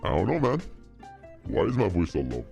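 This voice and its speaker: Man on a deep pitch-shifted voice changer. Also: wildly swooping pitch, normal speed, creaky, a little mellow, faint music behind, full character voice. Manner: laid-back, slangy. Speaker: forex trading streamer. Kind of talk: casual livestream chat. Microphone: studio dynamic mic through a mixer.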